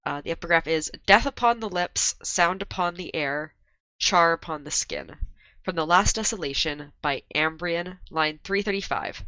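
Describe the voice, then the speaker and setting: A woman's voice: lowish voice, moderate pace, sharp tone, no room sound, low-quality recording. A woman hosting a casual book podcast while sick, her voice strained, recapping chapters and chatting with her co-hosts. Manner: reads the recap steadily, with frequent laughs in the banter. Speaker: podcast host.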